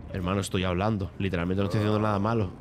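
A man's voice: deep voice, level tone, very fast. A man, chatting casually and swearing while commentating a game late at night. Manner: chatty, swears freely, thinks aloud. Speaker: streamer.

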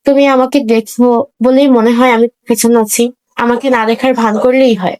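A woman's voice: a little high, fairly even intonation, moderate pace, a little mellow, natural voice. A woman voicing a brooding, possessive young man who speaks in a curt, teasing way. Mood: brusque.

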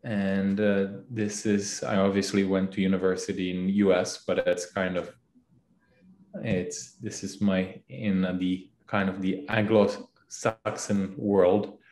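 Man from the Republic, halting, in an echoey room. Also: low-pitched, flat delivery, a little mellow. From Czech Republic. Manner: halting, many fillers and restarts. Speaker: CEO guest. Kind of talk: casual interview answers.

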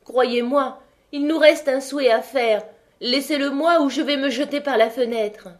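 A woman voicing a vain, quick-tempered peasant wife with a raised, emphatic voice. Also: high-pitched, darkish tone, voice pushed up, natural voice. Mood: distraught.

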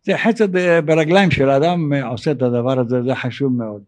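An older man, a rabbi giving an evening sermon, who pauses often and acts out dialogue in an animated, raised voice. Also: medium pitch. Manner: halting, with frequent hesitations.

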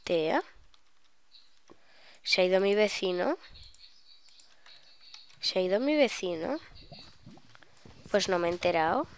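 Smooth-voiced young woman gamer. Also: mid-range voice, slow, long pauses. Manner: chatty, excitable, bursts of shrieks. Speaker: gaming YouTuber. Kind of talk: live gameplay commentary.

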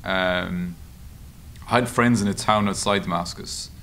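With a deep voice, this Irish writer and journalist gives conversational, halting answers peppered with anecdotes during a public interview. He's at a table microphone in a meeting room, with constant background room noise.

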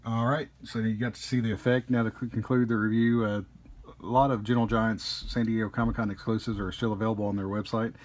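A man casually reviewing a collectible statue at a table indoors, easygoing, with frequent pauses. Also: fairly low pitch, level tone.

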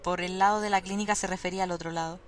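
A woman's voice: on the low side, racing, a little hiss or hum. Chatty woman playing a horror game. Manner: chatty, nervous and excitable, talks to viewers. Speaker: let's play gamer. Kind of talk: casual game commentary.

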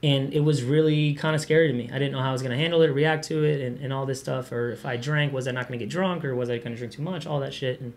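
A man's voice: mid-range voice, fast, hardly any pauses. A young man hosting a podcast in a loose, chatty way, swearing freely and laughing easily. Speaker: podcast host. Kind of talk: casual podcast chat.

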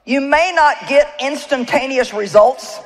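A woman delivers a sermon to a live audience in a high voice. She is emphatic and tells personal stories. She keeps turning to the crowd with rhetorical questions. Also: a little slow, rough recording. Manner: storytelling with personal anecdotes. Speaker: preacher.

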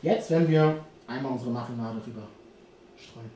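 A man's voice: mid-range voice, moderate pace, very noisy. A man in his thirties hosting a casual cooking vlog in a home kitchen, hyped and slangy, joking with his guest. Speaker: cooking show host. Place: home kitchen studio, indoors. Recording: roomy and distant.

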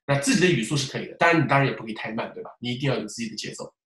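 A man lecturing as a test-prep teacher, lively and full of rhetorical questions as he demonstrates examples aloud. His voice sits in a middle pitch. The recording carries a roomy echo. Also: very fast. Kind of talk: classroom-style lecture.

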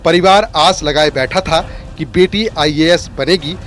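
A man reading a scripted news report as a voice-over in a steady, formal manner. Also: a little high, unhurried.

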